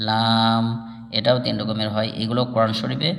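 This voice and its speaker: Man, teacher, gravelly voice, slow patient delivery, echoey room with long reverb. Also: on the low side, level tone, fairly bright tone. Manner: patient, spells out letters one by one, drawn-out chanting of letter names. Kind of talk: slow step-by-step lesson.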